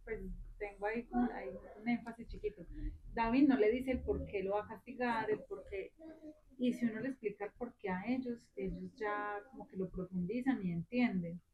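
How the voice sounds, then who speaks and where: A woman's voice: mid-range voice, brisk, dull audio. A woman, a mother, earnestly sharing a personal story about her children during a class discussion.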